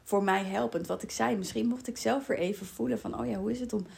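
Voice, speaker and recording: A woman hosting a reflective spiritual podcast, calm and soft-spoken, often quoting her own inner voice and pausing on fillers. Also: a little high, vocal fry. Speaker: podcast host and women's circle coach.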